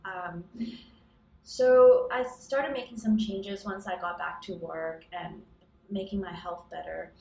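A woman's voice: mid-range voice, steady tone, slow, vocal fry, a little mellow. A young woman from Hong Kong, a startup founder, answering interview questions in a casual, thoughtful way with frequent ums. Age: young adult. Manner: thoughtful, many ums and restarts, occasional laughs. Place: office room by a large window with city towers outside. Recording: roomy echo, somewhat distant mic.

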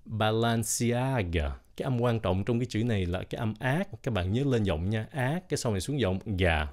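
A man gives a casual spoken lesson. He breaks each word into syllables and repeats them slowly and very distinctly. His tone stays plain and patient, like a teacher drilling pronunciation. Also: on the low side, lively intonation, a little mellow. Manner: slow, over-enunciated, repeats words syllable by syllable.

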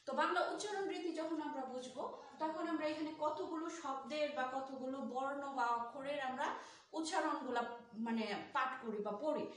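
A high-pitched woman teaches a grammar class, putting questions to her students and then answering them herself. She says each key term slowly and more than once. Her voice sits away from the mic in a very echoey room with faint noise behind. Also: recorded from a distance. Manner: repeats key terms slowly. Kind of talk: Bangla grammar lesson.

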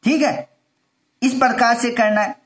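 A man's voice: extremely high pitch, fairly even intonation, unhurried, a bit bright. Male teacher explaining grammar. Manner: explains step by step, repeats points, asks and answers his own questions. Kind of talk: grammar lesson.

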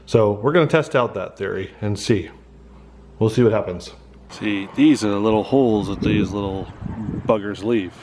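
A man's voice: lowish voice, moderate pace, a little mellow, slight background noise. Casual American man vlogging. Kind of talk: casual vlog narration.

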